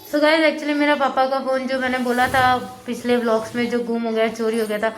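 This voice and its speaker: A young woman vlogging casually on a phone she holds, feeling unwell and low on energy, talking softly with a rambling flow and many fillers. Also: flat delivery, brisk, very echoey, slight background noise, poor audio. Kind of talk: casual vlog chat. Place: room upstairs at home. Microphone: phone held in hand.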